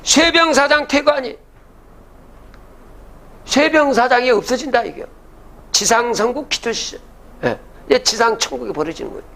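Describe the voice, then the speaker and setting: A man's voice: very high-pitched, normal speed, gravelly, pauses often, bright, forceful tone. An older man giving a public lecture, reciting old verses and then explaining them, often asking the audience rhetorical questions.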